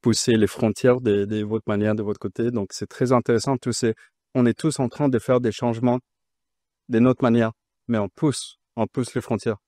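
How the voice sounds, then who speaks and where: A man speaking on a panel, unscripted, in halting, non-fluent French. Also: medium pitch, fairly even intonation, mellow, dry recording, studio quality.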